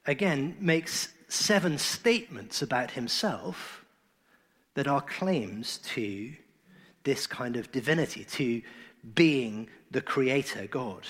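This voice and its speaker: A man preaching a sermon in an earnest, emphatic way, his phrases often trailing off softly. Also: medium pitch, animated, slow pace, breathy edge.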